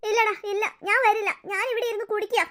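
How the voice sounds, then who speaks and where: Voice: very high voice, flat delivery, fast talker, bright, forceful tone. A performer voicing a heartbroken, stubborn young man who sobs and insists on seeing his girlfriend. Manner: sobbing, pleading, insistent.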